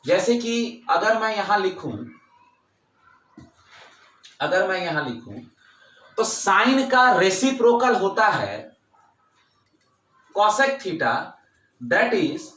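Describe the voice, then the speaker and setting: High-voiced male teacher, slow and bright. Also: sing-song, reverberant. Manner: repeats key points with emphasis, mixing English terms into Hindi. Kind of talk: classroom lecture.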